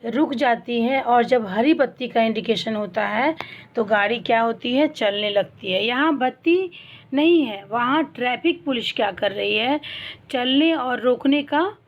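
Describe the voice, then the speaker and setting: A woman teaching a primary school Hindi class, explaining slowly and asking questions that she answers herself. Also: on the high side, highs cut off. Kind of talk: online class lesson.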